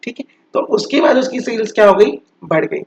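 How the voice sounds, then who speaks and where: A male commerce teacher giving a lecture. He explains step by step, often asks a question and then answers it himself, and reads out English definitions slowly, as if dictating. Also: sits high, animated, vocal fry, a little hiss or hum. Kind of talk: recorded classroom lecture. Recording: dull lo-fi sound.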